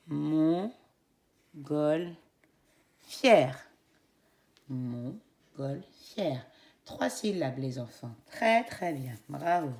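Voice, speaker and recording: Slow, gravelly French teacher, lively pitch. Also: female voice. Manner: slow, encouraging, syllable-by-syllable enunciation. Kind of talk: classroom phonics lesson for young children.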